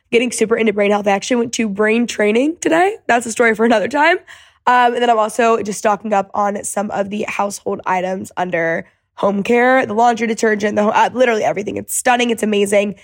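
A woman in her twenties hosts a podcast, chatty, gushing and full of enthusiasm. Her slightly high voice is picked up by a close podcast mic, giving a clean studio sound without echo.

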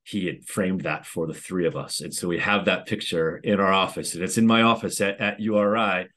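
A man's voice: low-pitched, fairly quick. A middle-aged man, a former school principal, telling a story in a casual way and acting out the voices of the people in it. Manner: animated retelling with quoted voices, many restarts. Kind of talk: conversational storytelling.

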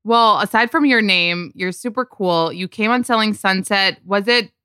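A woman's voice: mid-range voice, normal speed, bright, forceful tone, smooth, no room sound. A woman hosting a podcast in casual gossip chat, talking loosely with lots of filler words. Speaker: podcast host.

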